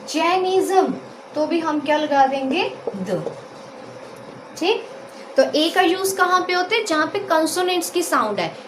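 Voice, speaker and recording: An Indian woman teaching an English grammar lesson, asking questions and answering them herself. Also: high voice. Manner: repetitive call-and-answer questioning. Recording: echoey room with faint noise.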